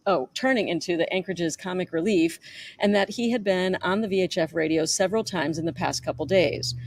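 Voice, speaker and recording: Woman, author reading her own memoir; fairly low voice, chatty delivery with offhand asides and quick self-corrections. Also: a little mellow. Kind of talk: reading a memoir chapter aloud.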